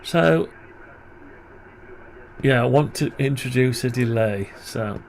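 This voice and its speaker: A man's voice: medium pitch, slow pace, vocal fry, a crowd in the background. A man presenting a programming tutorial, thinking aloud as he works and grumbling wryly to himself. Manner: muttering, wry grumbling asides. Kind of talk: thinking aloud while working on screen.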